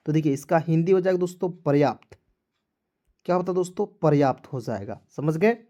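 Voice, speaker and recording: Male English teacher, mellow voice, letter-by-letter spelling lesson, repeats each word, answers his own questions. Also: on the high side, animated, fairly quick. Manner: repetitive, asks questions and answers them himself.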